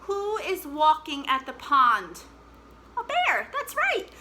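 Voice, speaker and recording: Leading an interactive musical storytime for children, a woman speaks in an animated, encouraging, playful way. Her voice sits on the high side. The audio is poor, with clearly audible background noise.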